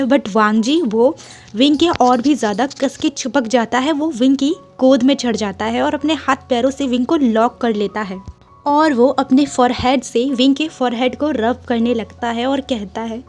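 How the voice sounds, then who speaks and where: Woman fan-story narrator, high voice, chatty, soft music bed. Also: a little slow. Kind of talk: casual story retelling.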